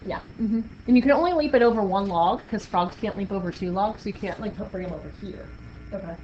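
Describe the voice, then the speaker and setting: This woman's mid-range voice is a little mellow, and she talks fast while teaching a math class. She's cheerful and playful, offering her students plenty of encouragement. The classroom audio is muffled, with faint noise.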